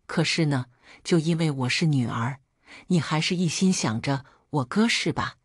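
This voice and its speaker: A woman's voice: sits low, animated, moderate pace, husky, no echo, clean studio sound. A woman voicing a middle-aged daughter who speaks hurt but firm to her parents in a storybook reading.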